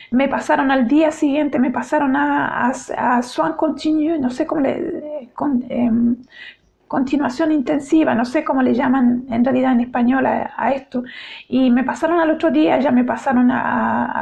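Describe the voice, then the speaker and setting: A middle-aged woman shares her personal faith testimony, retelling it in a heartfelt, halting way full of restarts. Her voice sits high and carries a gravelly edge. The recording is dull and lo-fi. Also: darkish tone. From Chile. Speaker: churchgoer giving a testimony.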